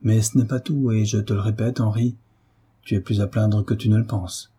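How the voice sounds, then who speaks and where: A man's voice: lowish voice, steady tone, moderate pace, warm tone, breathy edge. A man voicing a doctor who speaks in a grave, sad tone. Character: grave, sorrowful older male doctor.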